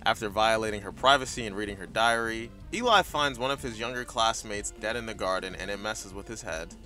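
Bright-voiced man giving blunt sweary commentary. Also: lowish voice, a little fast, soft background music. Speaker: host of a TV recap video. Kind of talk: casual scripted commentary.

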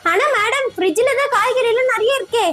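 A woman playing a young housemaid who fawns over her boss but is rough with the baby. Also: extremely high pitch, fast talker, fairly bright tone, soft background music. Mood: sly. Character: young sly housemaid, sweet-talking yet scheming. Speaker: deceitful housemaid. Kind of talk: comedy skit acting.

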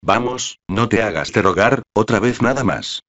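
A man's voice: on the low side, normal speed, a bit bright, highs cut off, natural voice. A man voicing an enthusiastic young girl who pleads breathlessly with her friend to look at the moonlit night. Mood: rapturous.

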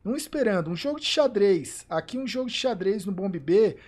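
A Brazilian man giving excited live commentary on a competitive shooter match, swearing and shouting at big plays. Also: high voice, a little fast, noisy background. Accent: Brazilian Portuguese. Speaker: esports streamer commentator. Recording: live stream with game gunfire behind.

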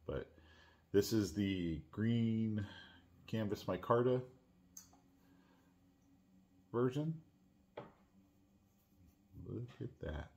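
Man, deep low voice, casual product review, chatty, filler words, restarts. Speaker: knife reviewer and channel host. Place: at home.

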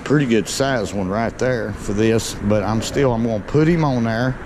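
A man's voice: medium pitch, moderate pace. Folksy man fishing from a boat. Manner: folksy, excitable when fish bite. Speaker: fishing vlogger. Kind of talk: casual outdoor commentary. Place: small boat on a lake under a bridge, outdoors. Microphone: body-worn action camera. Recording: outdoor noise on action cam.

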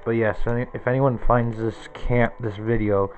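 A man's voice: medium pitch, level tone, moderate pace, dull audio. A man in his twenties giving a casual, rambling tour of his small cluttered bedroom, naming objects one after another into a handheld camera. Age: 20s. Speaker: vlogger. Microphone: handheld camera close to the face.

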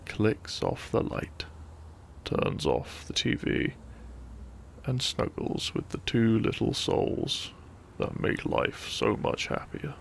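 A sleep-aid narrator, this man reads a calming bedtime story at a very unhurried pace, his fairly low voice full of heavy vocal fry and marked by huge pitch swings. He speaks softly and breathily, often close to a whisper, in a gentle ASMR manner, with faint background noise underneath.

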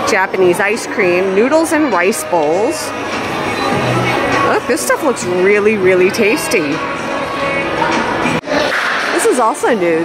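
A woman vlogger narrating casually as she walks through a large indoor mall, pointing things out with delight, filmed on a handheld camera. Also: medium pitch. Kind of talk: casual walking tour narration. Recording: loud music and crowd noise. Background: loud mall music and crowd.

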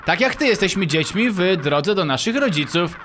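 A man voicing a group of strange children in a video game who speak calmly and invitingly. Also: high voice, normal speed, noisy background. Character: strange lost children by a campfire.

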